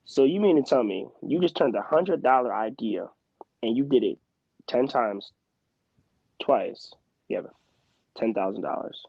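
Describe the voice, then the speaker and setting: A man in his twenties from Philadelphia speaks as an interview guest, building his points with animated, emphatic energy. His voice sits in a middle range. The recording is close and dry, with a slightly muffled, dull tone. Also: mid-range voice, measured pace, creaky, pauses often, husky, no room sound. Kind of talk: casual interview talk.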